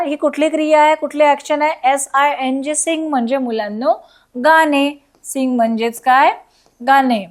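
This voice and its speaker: A woman teaching a recorded school lesson, spelling words out letter by letter and asking children questions. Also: sits high.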